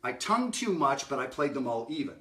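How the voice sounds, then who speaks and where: A man's voice: medium pitch, big pitch swings, quick pace, distant mic, over music. A middle-aged man giving a casual jazz lesson, talking conversationally, singing note examples and often asking "right?". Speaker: jazz educator. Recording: roomy sound from off-mic.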